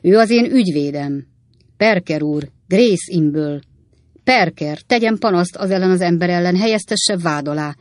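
A choleric old gentleman storms through the scene, as the audiobook reader puts him on, loud and blustering. His scolding is delivered in a raised voice. The sound is dry and close. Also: mid-range voice, no echo, lightly acted. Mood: furious. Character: choleric old gentleman, hot-tempered, shouting.

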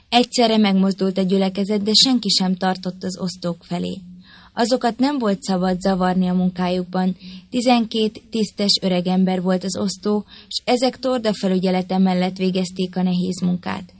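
Woman narrating a historical tale. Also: medium pitch. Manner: steady, even storytelling. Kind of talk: audiobook reading of a historical tale.

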